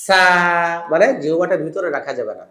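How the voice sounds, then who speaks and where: A Quran pronunciation teacher speaks, in a middle-pitched voice. The teacher demonstrates each sound again and again, slowly and patiently. The recording carries a noticeable room echo. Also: lively intonation, a bit bright. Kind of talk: instructional lesson. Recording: echoey room.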